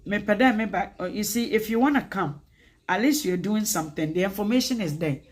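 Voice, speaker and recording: Ghanaian woman chatting on a livestream, husky voice. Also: medium pitch, a little fast. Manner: animated, switching between English and Twi. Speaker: livestream host. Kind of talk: casual livestream chat.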